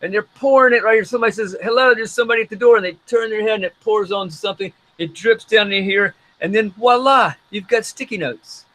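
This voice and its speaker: A man teaching an online science class with live demonstrations, telling stories in an animated way and acting out little scenes. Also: high voice, poor audio. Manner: animated storytelling, acts out scenes in quick asides.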